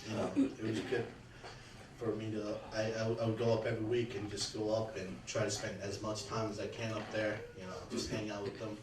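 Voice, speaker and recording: Man giving a halting, earnest eulogy. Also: lowish voice, level tone. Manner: earnest, halting, with frequent restarts. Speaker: eulogy speaker, son-in-law. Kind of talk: personal remembrance speech. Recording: echoey room, distant mic, faint background hum.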